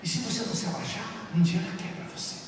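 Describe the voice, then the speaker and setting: A man's voice: high-pitched, expressive, racing, recorded from a distance, noisy background. A male Brazilian pastor preaching a sermon with impassioned, rising delivery, in a church hall. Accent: Brazilian Portuguese. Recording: echoey church hall from afar.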